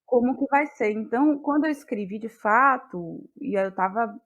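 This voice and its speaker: This playwright and actress from Bahia, Brazil, reflects on how she creates while being interviewed, groping for words and repeating them as thoughts form. Her pitch is on the high side, her intonation lively, her speed normal, and her fairly bright tone has the highs cut off.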